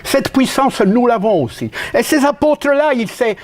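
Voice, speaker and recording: Preaching with lively intonation, a man from Italy speaks in an Italian accent and an emphatic manner. His pitch leaps and plunges suddenly, and he often halts before starting over.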